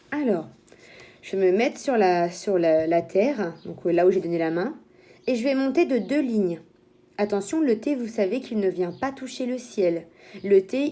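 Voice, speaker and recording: A woman teacher talking young children through handwriting, step by step, in slow and simple words. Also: medium pitch, dark tone.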